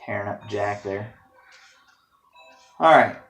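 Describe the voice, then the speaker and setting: A man's voice: lowish voice, takes it slowly, a bit bright. A man giving playful let's-play commentary while he games, teasing the bosses and throwing in silly exclamations. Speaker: gamer. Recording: echoey room with game music. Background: game music.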